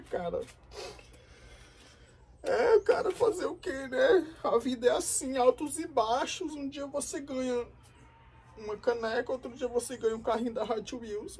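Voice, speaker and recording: A woman's voice: a little high, dark tone, husky, far from the mic. A woman playing a young boy in a comedy sketch who thanks his family with overdone, mock-sincere gratitude. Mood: sarcastic. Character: young boy, sarcastically grateful.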